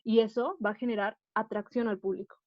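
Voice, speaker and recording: A woman's voice: fairly high pitch, steady tone, brisk, no echo. A woman teaching an acting class, explaining patiently and often checking that the students follow. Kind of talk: online class lecture. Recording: dull, dry lo-fi audio.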